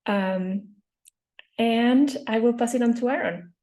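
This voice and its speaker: A woman's voice: on the high side, slow, mellow. A woman from Venezuela introducing herself as a networks manager on a video call.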